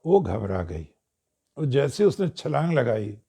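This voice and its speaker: A man giving a storytelling discourse to an audience, speaking in a measured way and clearing his throat now and then. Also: mid-range voice, big pitch swings, warm tone.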